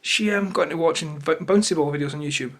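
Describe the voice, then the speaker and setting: A Scottish man talks straight to camera in a notably high voice for a male speaker. He rambles through an unplanned, opinionated rant, sounding irritated and swearing freely as he goes. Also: quick pace, a bit bright. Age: adult, parent of a toddler. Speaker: YouTuber. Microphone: camera held or placed close to him.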